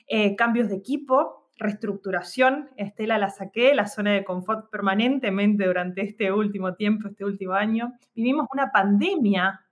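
Woman, podcast co-host, thoughtful, lots of fillers, medium pitch. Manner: reflective, many fillers and tag questions. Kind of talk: casual podcast chat.

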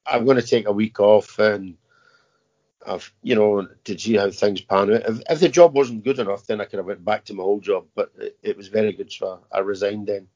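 A man in his fifties, an army veteran, answering interview questions in a halting way with many fillers and repeated words. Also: on the low side, a little mellow. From Scotland. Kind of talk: casual interview. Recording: muffled lo-fi audio.

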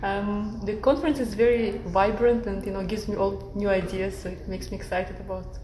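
A woman's voice: mid-range voice, steady tone, normal speed, mellow, echoey room, slight background noise, rough recording. A woman from Kazakhstan, a guest academic in an interview, talking thoughtfully with many fillers and restarts. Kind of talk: conversational interview.

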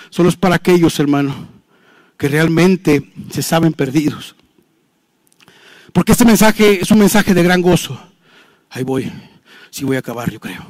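A man preaching an impassioned sermon in Spanish, often dropping low and soft when he addresses the listener as "hermano". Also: no echo. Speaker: pastor.

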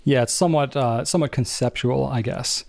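A man co-hosting a casual podcast, talking in a relaxed, laid-back way. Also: mid-range voice, a little fast, creaky. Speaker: podcast co-host. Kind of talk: casual chat.

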